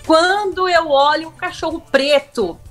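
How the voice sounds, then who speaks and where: A woman's voice: very high-pitched, measured pace, fairly bright tone, faint music behind. A young woman, a guest telling an emotional story in a chat, acting out quotes and restarting often. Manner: breathless, emotional, acts out quotes, many restarts. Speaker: guest, reality show contestant.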